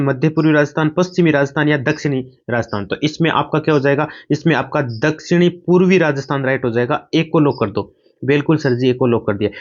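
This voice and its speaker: A man's voice: fairly high pitch, dull audio. A man teaching an online exam-prep class, drilling through quiz questions at speed and answering his own questions.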